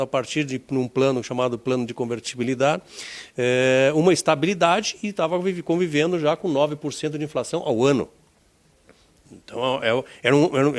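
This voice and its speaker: Man, 60s, Gaúcho accent, insurance executive, interview, measured, repeats words. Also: a little high. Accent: Gaúcho Brazilian Portuguese. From southern Brazil. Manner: measured, repeats words while searching for them. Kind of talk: reflective career interview.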